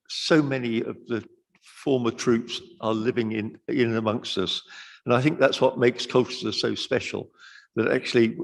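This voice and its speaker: A man serving as mayor, chairing a council meeting and speaking earnestly, halting with many fillers. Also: mid-range voice, vocal fry. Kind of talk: formal chairing and remarks. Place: council chamber. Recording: long reverb of a large chamber.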